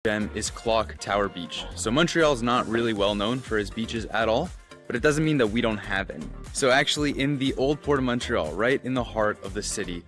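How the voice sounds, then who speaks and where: A man's voice: fairly low pitch, a little fast, fairly bright tone. A man presenting a city travel guide video as a vlogger, in an enthusiastic, informal way. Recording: music behind the voice.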